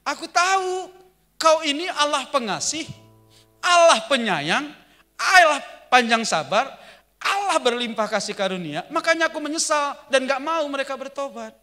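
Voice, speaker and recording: A man voicing Jonah as a stubborn, resentful grown prophet who whines and then shouts in protest. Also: on the high side, quick pace, in a large hall, soft background music, close to an everyday voice. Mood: indignant. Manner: whiny and resentful, rising to indignant shouts.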